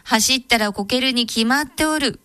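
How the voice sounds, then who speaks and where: A woman narrates an old folk tale in a Tango Kyoto dialect, steady and measured. Her voice sits a little high. The sound is close and dry. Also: no room sound. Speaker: storyteller and co-host.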